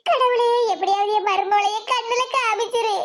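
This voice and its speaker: A woman's voice: extremely high pitch, steady tone, moderate pace. A woman voicing a fretful old village grandmother in a cartoon, wailing and blaming herself, with a Kanyakumari Tamil accent. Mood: lamenting. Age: over 70 (figure). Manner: lamenting, self-blaming. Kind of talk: animated comedy voice acting.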